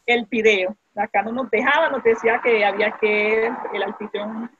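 A woman's voice: a little high, fairly even intonation, moderate pace, fairly bright tone, a little hiss or hum. A woman with a Colombian accent, a primary school teacher running an online class, chatty and fond of diminutives. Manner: chatty, uses diminutives, restarts often. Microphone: video call. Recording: dull, dry video-call audio.

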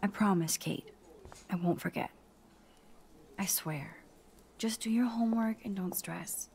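An actress voicing a shy, thoughtful young woman student in a video game, soft and earnest. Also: mid-range voice, unhurried, creaky.

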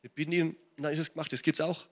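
Animated German man preaching a sermon. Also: on the high side, rapid-fire. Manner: animated preaching, often checks in with "ne?" and "ja?". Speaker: pastor. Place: church hall.

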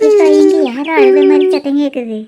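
A woman's voice: high-pitched, animated, a little fast. A woman voicing cartoon dialogue, chatty and coaxing. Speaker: cartoon voice artist.

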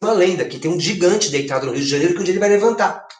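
A middle-aged man with a Brazilian Portuguese accent gives an exam-prep literature lesson from his living room. His voice sits somewhat high for a man, and the room rings with a clear echo. He talks in a lively way and often checks in with his students. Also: racing. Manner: lively, gesturing, asks frequent tag questions. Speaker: literature teacher. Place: home living room with a projected screen.

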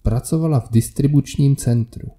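A dazed young man in a creepy story talks in a flat monotone, as a male narrator puts him on. The voice is very dark and mellow. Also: medium pitch, pitched above the performer's own voice, lightly acted.

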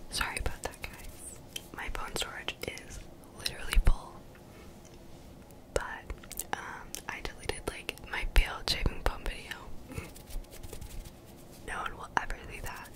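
A woman's voice: unhurried, pauses often, low-quality recording. Young female, fully whispered ASMR, soothing and encouraging, repeats phrases, very close on the mic. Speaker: ASMR video creator. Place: small bedroom, indoors. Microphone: desktop condenser mic, very close.

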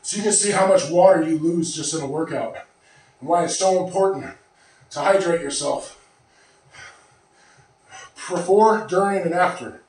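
A man's voice: on the high side, moderate pace, long pauses, darkish tone, recorded from a distance. Breathless man in an echoey room. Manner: rambling, breathless after lifting, clears throat often. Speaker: fitness vlogger. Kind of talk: casual talk to camera. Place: small home gym room. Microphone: far camera.

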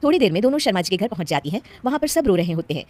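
A woman narrating an animated moral story in an even storytelling tone. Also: mid-range voice, rapid-fire.

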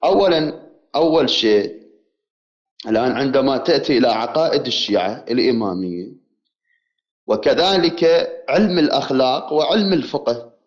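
A man calling in to a debate show, speaking in a measured, formal way and insisting on finishing his point. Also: medium pitch, expressive, muffled recording. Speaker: caller. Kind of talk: religious debate by phone.

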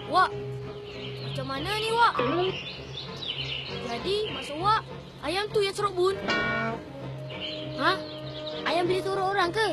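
A woman's voice: extremely high pitch, unhurried, pauses often. A woman voicing whiny, bickering village boys in a voice drama. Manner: whining, calling out. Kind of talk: amateur voice drama. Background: music.

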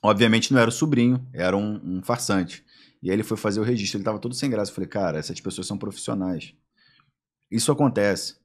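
A fast-talking man with a lowish voice and a Brazilian accent tells anecdotes as a podcast guest in a casual storytelling style. He's animated, acting out the voices of the people in his stories.

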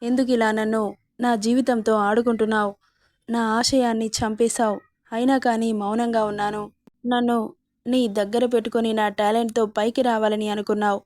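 A woman's voice: fairly high pitch, no room sound, studio quality, lightly acted. Woman voicing a furious, defiant young heroine. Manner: shouting accusations, scornful.

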